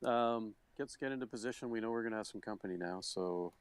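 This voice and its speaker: A man's voice: fairly low pitch, fast, smooth, dry recording. A man playing a tabletop game, laying out plans casually with many fillers. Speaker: player.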